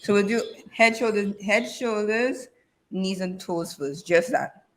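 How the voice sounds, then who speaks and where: A woman guides a casual lesson at a medium pitch. She sounds playful, lightly teasing and supportive as she gives instructions. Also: measured pace, poor audio. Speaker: language teacher.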